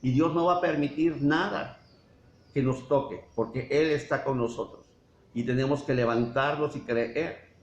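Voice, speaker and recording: A man with a Mexican Spanish accent preaching a sermon as pastor, asking frequent rhetorical questions and pausing for emphasis. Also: medium pitch, fairly even intonation. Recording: dull roomy church sound with faint hiss.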